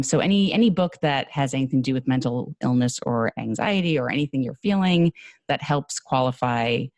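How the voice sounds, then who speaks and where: A woman with a New York accent, talking casually as a podcast guest, animated and quick to laugh with fast asides. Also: a bass voice, dry recording, studio quality. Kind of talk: casual conversation.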